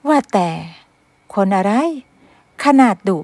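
A woman's voice: slow pace, mellow, dry recording, close to an everyday voice. A woman voicing a timid young maid who answers her boss in a flustered, apologetic way. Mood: grumbling. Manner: flustered, apologetic, high-voiced.

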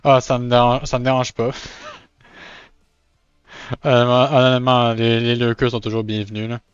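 A man's voice: mid-range voice, level tone, normal speed, smooth, no room sound, lo-fi sound, faint music behind. A man with a Québécois French accent chatting casually on a live stream while drawing, often stammering and restarting, with English words mixed in.

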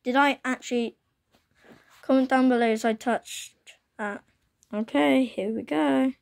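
A gaming channel host, a young woman with a croaky, fairly high voice, talks a little slowly while chatting through a computer game and exclaiming often. She's indoors at home with rain falling outside, recording casual gameplay commentary on a phone held up to her laptop screen.

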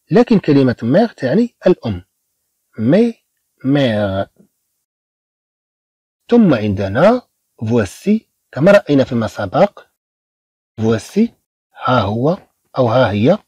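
A man with a Moroccan accent teaching a beginner French lesson, slowly repeating each word for his students. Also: medium pitch, mellow, slightly rough, no room sound. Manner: slow, repeats words for drills.

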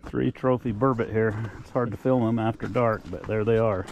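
Laid-back middle-aged man vlogging, low voice. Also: fairly even intonation, moderate pace, darkish tone, muffled recording, a little hiss or hum. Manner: laid-back, folksy updates. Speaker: outdoor vlogger. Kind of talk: casual vlog narration. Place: frozen lake outdoors and inside an ice-fishing tent.

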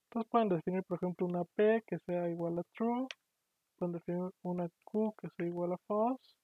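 High-voiced lecturer on a tinny line. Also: male voice, normal speed. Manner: patient, explanatory, often checks in with "no?" and "sí?". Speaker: university lecturer. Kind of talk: online programming lecture. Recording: tinny, dry, phone-like online class audio.

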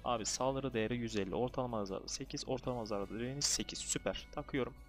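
A young man chatting casually through his online game session, fussing over luck and getting excitable when things go his way. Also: mid-range voice, quick pace, faint music behind. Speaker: gaming video creator. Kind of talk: casual gameplay commentary.

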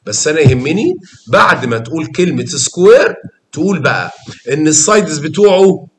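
A man's voice: fairly high pitch, expressive, a little fast, a bit bright, echoey room. A man with an Egyptian accent teaching a math lesson, coaxing students with questions and repetition. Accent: Egyptian Arabic. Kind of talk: lively classroom explanation.

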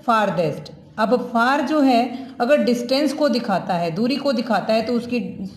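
Lady teacher going really slow over grammar words, kinda high voice, echoey room. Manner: slow, explaining, stretches example words and checks understanding. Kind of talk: classroom lesson in Hindi-English mix.

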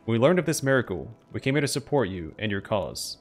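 A solemn talking tree, acted out by a man addresses its allies in formal, grand oratory. The fantasy game figure is earnest and expressive, with a fairly low voice and faint music behind. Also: quick pace. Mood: grand, pleading. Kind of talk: game dialogue read aloud.

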